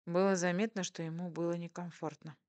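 A woman's voice: lowish voice, level tone, brisk, darkish tone, no room sound. A woman narrating a first-person story in a playful, teasing manner. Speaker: audiobook narrator.

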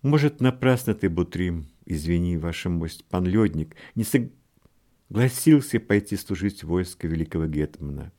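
A man voicing a kindly, tearful elderly apothecary who speaks with gentle doubt in an audiobook. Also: low-pitched, lively intonation, moderate pace. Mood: doubtful.

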